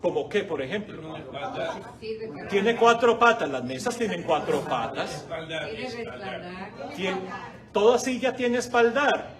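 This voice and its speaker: Slow, high-voiced male Bible teacher. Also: expressive, crowd noise. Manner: asks the class questions, repeats key words slowly. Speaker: parish Bible course teacher. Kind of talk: informal classroom teaching. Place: church hall classroom. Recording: distant mic, faint background noise.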